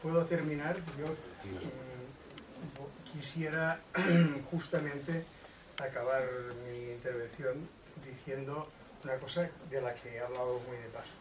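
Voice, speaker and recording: A man moderating a neighborhood meeting, speaking in a measured and slightly hesitant way. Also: mid-range voice. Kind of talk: public talk. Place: neighborhood association hall. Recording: roomy echo, distant mic, noise.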